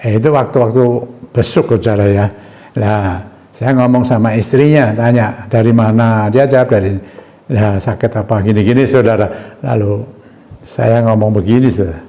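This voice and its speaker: A man's voice: fairly low pitch, steady tone, moderate pace, warm tone. Indonesian evangelist man telling a story. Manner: storytelling, often addresses listeners as "saudara". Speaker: evangelist preacher. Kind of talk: sermon with a personal story.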